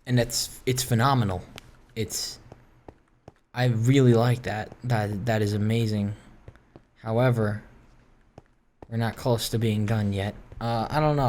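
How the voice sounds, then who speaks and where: A gaming video host with a medium-pitched voice gives casual, rambling commentary, ranting in a self-deprecating way and wandering from one thought to the next. There is noise in the background.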